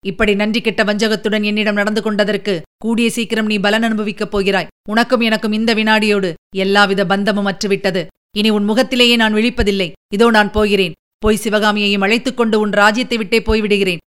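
A woman's voice: mid-range voice, flat delivery, normal speed, a bit bright, clear, resonant tone, lightly acted. A woman voicing an older male Buddhist monk in an audiobook, speaking in a bitter, hissing, cursing way. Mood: furious. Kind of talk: audiobook character reading.

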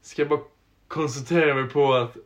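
A young man co-hosting a casual podcast, telling stories in an animated way. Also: medium pitch. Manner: animated anecdote-teller. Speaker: podcast co-host.

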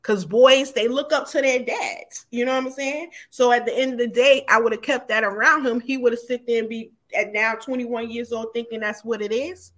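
Higher-voiced woman telling her story frankly. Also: fairly even intonation, normal speed, hardly any pauses, a bit bright. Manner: frank, informal, run-on telling with many fillers. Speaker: podcast guest. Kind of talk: candid personal storytelling.

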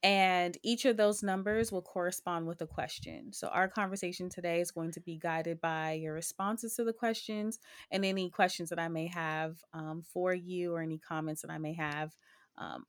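A young woman hosts her own podcast in a relaxed, reflective way. She often pauses on "um" between thoughts. Her voice sits a little low. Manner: reflective, with frequent ums. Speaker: podcast host. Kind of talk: casual podcast talk.

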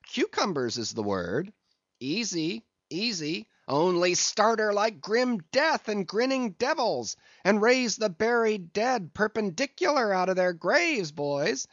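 A man's voice: fairly high pitch, huge pitch swings, slow pace, a bit bright, no room sound, highs cut off, pitched above the performer's own voice, exaggerated voice. A man doing a bellowing whaleboat mate. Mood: yelling urgently. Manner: bellowing, urging the crew on. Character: rowdy, excitable male whaleboat mate. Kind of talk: audiobook character voice.

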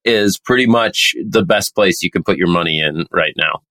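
Male podcast co-host, low voice, dry close sound, joking and casual with finance news. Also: normal speed, bright, forceful tone, dry recording. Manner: joking, swears, laughs often, reads quotes aloud.

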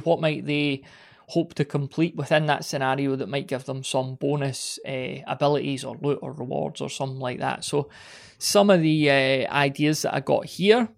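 Gravelly man musing on a podcast. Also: fairly high pitch. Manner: rambling, self-interrupting, wry asides. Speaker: podcast host. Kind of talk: casual solo podcast talk.

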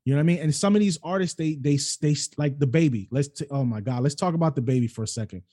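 Raised between New York City and Cleveland, this middle-aged man hosts a podcast and talks fast in a fairly high voice. He is an animated, emphatic storyteller in a laid-back interview conversation.

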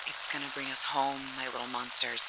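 A woman's voice: a bass voice, level tone, a little fast. Brittle, obsessive mother, heavy background noise. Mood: weary, secretive. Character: worn-out, obsessive mother addressing her small children. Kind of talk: audio drama acting.

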